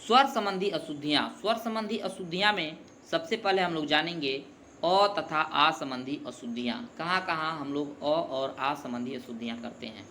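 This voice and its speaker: A man teaching a grammar lesson in a bright, fairly high voice. He speaks very slowly and deliberately, setting out each word on its own. A faint hiss of noise sits under the voice. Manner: slow, deliberate dictation of words one at a time.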